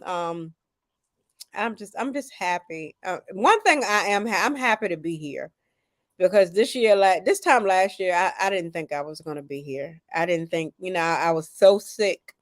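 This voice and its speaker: A tired woman, still recovering from chemo, hosts a casual live chat from home. She talks with a preacher's warmth and gratitude and turns emotional easily. Her voice sits at an ordinary pitch and sounds dry and close. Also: lively intonation, moderate pace, no room sound. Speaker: host.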